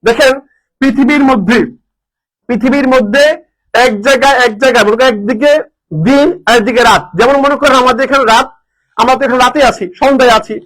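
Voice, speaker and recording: A man teaching a live online lesson, energetic, repeating answers and quizzing his students. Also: extremely high pitch, brisk, low-quality recording. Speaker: admission coaching teacher.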